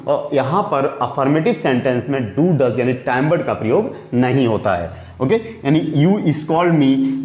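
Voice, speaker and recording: A man teaching English grammar in Hindi, often asking a question and answering it himself and repeating points slowly. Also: on the high side. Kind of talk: Hindi classroom-style grammar lesson. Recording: echoey room.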